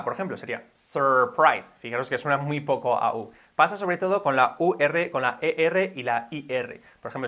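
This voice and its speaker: A man's voice: medium pitch, sharp tone. Upbeat man teaching English. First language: Spanish. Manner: explains patiently, checks in with "¿ok?". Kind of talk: video lesson for Spanish speakers.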